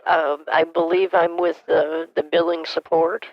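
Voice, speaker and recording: Man doing a confused, hard-of-hearing granny; gravelly and halting, over a dull, muffled line. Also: on the high side, level tone, no echo. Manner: hesitant, stammering, keeps asking to repeat. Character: frail elderly woman, hard of hearing, confused. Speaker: caller posing as a victim. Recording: muffled phone call.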